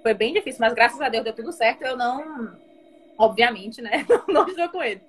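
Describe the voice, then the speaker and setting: A woman's voice: a little high, expressive, fairly quick, husky. A woman with a Brazilian Portuguese accent telling a personal story in casual chat, dramatically acting out the dialogue.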